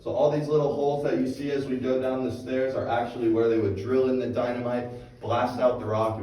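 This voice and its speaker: A man's voice: mid-range voice, dark tone, slight background noise. Guy giving a cave tour, talking out to the group, cave echo, far from the mic. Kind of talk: guided tour narration to a group. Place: inside a rocky cave, standing among a tour group. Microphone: phone camera held several metres away.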